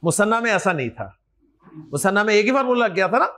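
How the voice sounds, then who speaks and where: Animated, high-voiced male teacher. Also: fast. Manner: animated call-and-response drilling of word pairs; encouraging, addresses students directly. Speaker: Arabic teacher. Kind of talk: classroom lecture.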